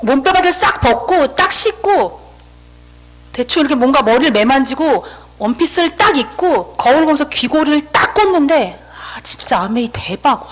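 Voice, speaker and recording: A woman in her thirties giving a seminar talk, telling a lively story and acting out her own dialogue. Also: high voice, low-quality recording. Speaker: invited seminar speaker. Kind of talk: motivational storytelling speech.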